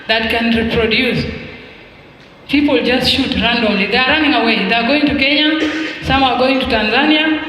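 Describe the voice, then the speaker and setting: High, slow South Sudanese man in a hall. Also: sharp tone, slight background noise. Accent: South Sudanese English. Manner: deliberate, emphatic, rhetorical questions and repetition. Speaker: speaker at an expo launch. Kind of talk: formal public speech. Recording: echoey hall with long reverb.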